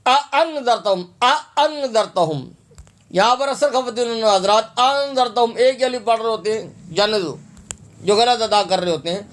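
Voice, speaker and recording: High-voiced man teaching Quran recitation. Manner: spells out letters and vowels, then repeats words slowly; asks and answers his own questions. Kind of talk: tajweed lesson with slow drawn-out recitation.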